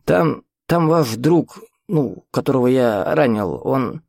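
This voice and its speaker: A man's voice: medium pitch, animated, slow, vocal fry, darkish tone, dry recording, clean studio sound, pitched above the performer's own voice, exaggerated voice. A man voicing a flustered, hard-of-hearing elderly teacher who stammers and babbles in agitation, in an audiobook. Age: older.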